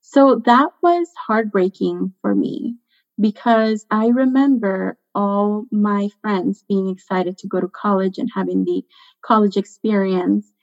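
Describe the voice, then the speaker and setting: A young woman from Guatemala recounts her own story as a podcast guest. She speaks slowly and earnestly, with a reflective tone. The sound is a bit dull and lo-fi. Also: medium pitch, a little mellow. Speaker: guest, budget coach. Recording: muffled lo-fi sound.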